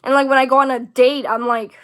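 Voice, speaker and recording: Young woman ranting on her podcast, high voice, lots of "like" and restarts. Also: little pitch movement, fairly quick, fairly bright tone. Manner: rambling, filler-heavy, exasperated venting. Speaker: podcast host. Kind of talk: casual solo podcast monologue.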